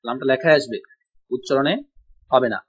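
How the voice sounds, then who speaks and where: A man teaching an Arabic class, speaking slowly and repeating each word for his students to echo. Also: mid-range voice, breathy edge. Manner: slow, drills pronunciation, repeats words for students. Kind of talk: online language class. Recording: dull lo-fi audio.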